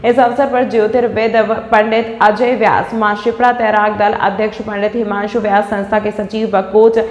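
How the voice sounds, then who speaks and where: A woman reading a local news bulletin as a voice-over, steady and formal. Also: mid-range voice, normal speed. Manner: steady read. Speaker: news reader. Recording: echoey room with long reverb.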